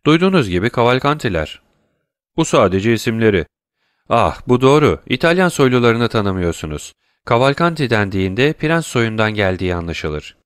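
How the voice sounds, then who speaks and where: A man voicing a self-assured count, measured delivery, dry irony, slightly raised pitch, close dry audiobook. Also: sing-song, clear, resonant tone, no room sound, lightly acted. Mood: smooth. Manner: measured, dry, lightly mocking. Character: cool, commanding middle-aged count, ironic.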